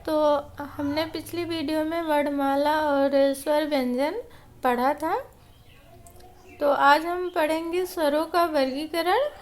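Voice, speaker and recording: Woman teacher, high voice; patient, repetitive lesson delivery. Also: steady tone. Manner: patient, repeats points slowly with examples. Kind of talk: classroom lesson explanation.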